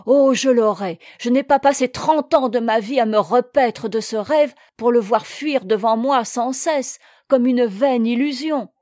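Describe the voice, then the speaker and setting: A woman's voice: medium pitch, takes it slowly, darkish tone, dry recording, studio quality, natural voice. A woman reading aloud voices a scheming, greedy aging male steward who talks with fervent, sneering intensity.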